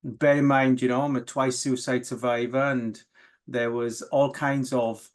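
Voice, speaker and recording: A Welsh-first speaker from the South Wales valleys, this man talks in a level tone at medium pitch during a candid, emotional interview. As a guest he is open and reflective, often pausing and beginning his sentences again.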